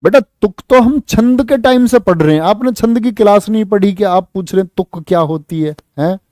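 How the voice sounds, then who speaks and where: A man teaching an exam-prep class, lively, asking students questions and answering them himself. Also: sits high, normal speed, dry recording. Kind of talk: online exam-prep lesson.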